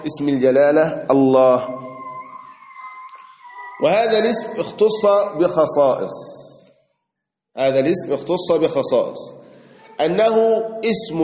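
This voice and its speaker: A man with an Egyptian accent teaches a religious lesson in a mosque, his voice sitting a little high for a man. He reads a passage, then slows down and draws out the key words to explain them. The hall rings with a long, roomy echo. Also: darkish tone, slight background noise. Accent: Egyptian Arabic. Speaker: Islamic teacher. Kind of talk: mosque lesson commentary on a creed text. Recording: echoey hall with long reverb.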